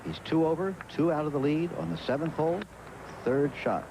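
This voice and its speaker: An American man giving live golf commentary as lead television announcer, in a measured, formal way with pauses. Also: fairly high pitch, gravelly. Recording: noisy outdoor broadcast, vehicle and ambient sound.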